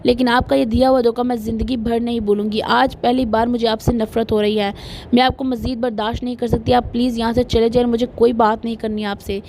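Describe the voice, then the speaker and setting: A woman's voice: a little high, flat delivery, darkish tone, slight background noise, natural voice. A woman reading the part of an emotional young bride who is hurt, stubborn and pleading through tears. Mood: hurt, angry. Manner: pleading, tearful outbursts.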